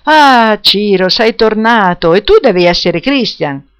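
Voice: animated, a little slow, fairly bright tone, clean tone, dry recording, studio quality. A reader voicing a cheerful, chatty middle-aged mother from Naples in an audiobook. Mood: delighted. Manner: exuberant, chatty, high-spirited. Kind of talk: audiobook character voice.

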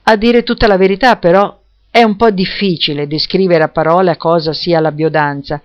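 A woman's voice: fairly low pitch, steady tone, fairly quick, muffled recording, close to an everyday voice. A woman reading as an enthusiastic dance teacher. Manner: explanatory, persuasive.

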